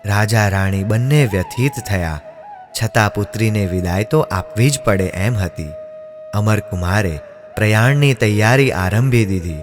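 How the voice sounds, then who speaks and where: A man narrating a devotional drama in a measured, solemn storytelling manner. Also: fairly low pitch. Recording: long reverb, music underneath.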